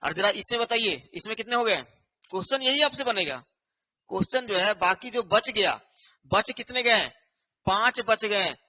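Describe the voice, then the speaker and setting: Male exam-prep tutor with a high, bright voice who repeats himself a lot and works through points on a board. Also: animated. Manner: repetitive, with a constant rhetorical "है ना" and "ठीक है"; explains slowly while writing on a board. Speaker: teacher. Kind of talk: online exam-prep lesson.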